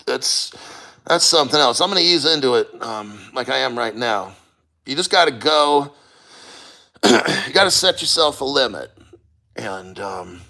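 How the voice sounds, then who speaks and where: Man, sharp bright delivery, immersed in ice cold water. Off-the-cuff vlog host, blunt and sweary. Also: mid-range voice. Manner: blunt, profane, rambling. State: sitting neck-deep in ice cold water. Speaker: crypto podcast host. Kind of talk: casual talk to camera.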